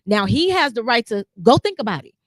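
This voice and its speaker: Animated woman on a podcast. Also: a little high, a little fast, no room sound. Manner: animated, acts out quoted voices. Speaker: podcast guest. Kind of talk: casual podcast conversation.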